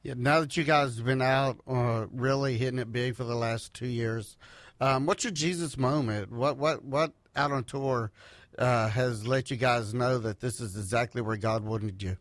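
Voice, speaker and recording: A radio host with a drawl talks in a friendly, folksy way. He sounds dry and close to a studio mic, and his pitch sits mid-range. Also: moderate pace, dry recording. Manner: friendly, folksy, uses "y'all" and "fixing to". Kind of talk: radio interview.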